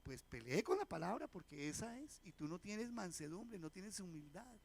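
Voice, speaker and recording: This is a man preaching. His voice sits high for a man. He keeps asking the congregation questions and acts out the people in his anecdotes. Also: very animated, moderate pace, creaky, slight background noise. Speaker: pastor. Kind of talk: sermon. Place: church sanctuary.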